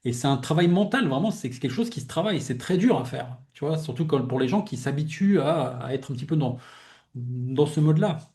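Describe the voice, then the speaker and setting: In a casual, heartfelt podcast conversation, a young adult host reflects aloud with his guest, rambling, restarting sentences, and dropping "tu vois" as filler. He sounds a little high, a little fast and a little mellow, with lively intonation.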